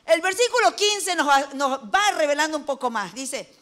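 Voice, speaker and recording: A woman's voice: high-pitched, lively intonation, normal speed, a bit bright. A middle-aged woman with an Ecuadorian accent preaching a conversational sermon, folksy, asking her listeners questions and joking lightly. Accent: Ecuadorian Spanish.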